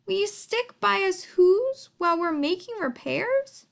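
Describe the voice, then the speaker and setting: Woman as tiny storybook mayor, very high voice, worried, pleading, lively melody. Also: takes it slowly, vocal fry, exaggerated voice. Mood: distressed. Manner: plaintive.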